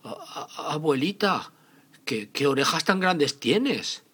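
A man's voice: on the high side, sing-song, moderate pace, a bit bright, slightly rough, voice pushed up, full character voice. A man voicing a sweet, naive little girl in a storybook tale, innocent and eager with some hesitation. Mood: puzzled, uneasy.

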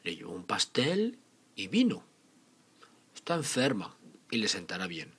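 A man's voice: on the low side, huge pitch swings, measured pace, a bit bright, slightly rough, full character voice. A man voicing a sweet, naive little girl in a storybook tale, innocent and eager with some hesitation. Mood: innocent, cheerful.

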